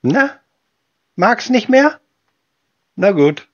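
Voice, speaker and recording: A man in an informal phone conversation, blunt and insistent, often repeating himself, with a husky voice. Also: high voice, big pitch swings, extremely slow. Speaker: prank caller baiting scammers. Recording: slightly dull, lo-fi call audio.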